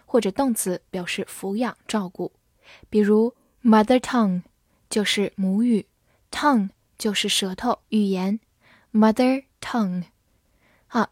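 A woman teaching English vocabulary in a scripted lesson, spelling each word letter by letter and reading example sentences slowly. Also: medium pitch, a little mellow, no echo, studio quality.

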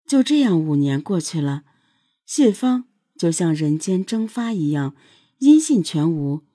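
Female true crime narrator, scripted and suspenseful, with a mellow, slightly husky voice. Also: deep voice, no room sound, studio quality.

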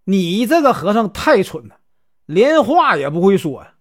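A man's voice: sits high, big pitch swings, moderate pace. A man doing an indignant, luckless man. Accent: Northeastern Mandarin. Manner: exasperated, complaining. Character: desperate, indignant down-on-his-luck man.

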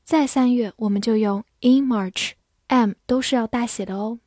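A woman teaching English vocabulary, spelling words letter by letter and reading example sentences slowly and carefully. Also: on the high side, warm tone, no echo, clean studio sound. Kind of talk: vocabulary lesson narration.

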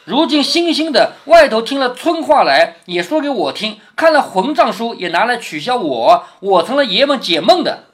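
A man's voice: extremely high pitch, big pitch swings, normal speed, few pauses, pitched above the performer's own voice. A man with a Changzhou accent reading the lines of a sensitive young noblewoman from a classic novel, aloud at home. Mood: aggrieved. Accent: Changzhou Wu-accented Mandarin. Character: young noblewoman, sensitive and quick to take offence.

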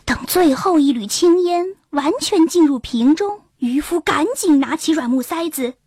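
A woman narrating a children's storybook in an expressive storytelling manner. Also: high-pitched, moderate pace, dry recording. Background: faint background music.

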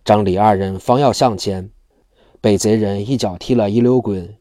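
Low-voiced male storyteller. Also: normal speed, dry recording, studio quality. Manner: steady storyteller narration. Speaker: narrator. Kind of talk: storybook reading of a classic martial arts novel.

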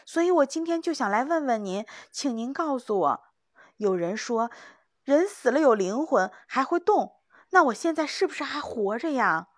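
A woman voicing a frightened, panicky young male hunter who pleads in high, breathless cries. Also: big pitch swings, moderate pace, no room sound, studio quality. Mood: panicked.

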